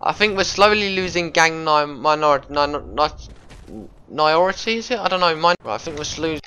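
A young man giving rambling, stammering gameplay commentary that breaks into panicked yelling. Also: a little high, expressive, normal speed, clean tone, dull audio. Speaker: gaming commentator.

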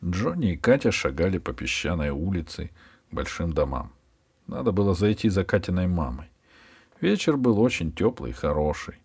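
A man reading a children's story aloud as an audiobook narrator, in a calm storytelling manner. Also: low voice, breathy edge. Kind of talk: scripted narration.

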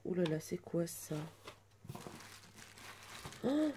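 A woman's voice: lowish voice, sing-song, extremely slow, noisy background. Gushing woman in her twenties. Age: 20s. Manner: gushing, many soft exclamations. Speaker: vlogger unboxing a birthday gift. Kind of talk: casual unboxing chat.

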